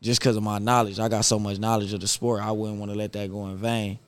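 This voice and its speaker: This man in his 30s is a boxer guesting on a podcast, speaking fast in a lowish voice. His manner is reserved and steady, and he talks casually with plenty of slang.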